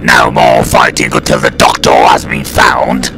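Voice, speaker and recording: A man voicing a ruthless alien war machine, a Dalek, barking shrill staccato commands in an audio drama. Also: measured pace, music in the background, lightly acted. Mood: menacing. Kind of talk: fan audio drama acting.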